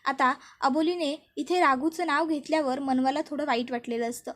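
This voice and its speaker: A woman narrating a voice-over recap of a television serial episode in a steady storytelling manner. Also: high-pitched, normal speed. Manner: steady storytelling with many fillers.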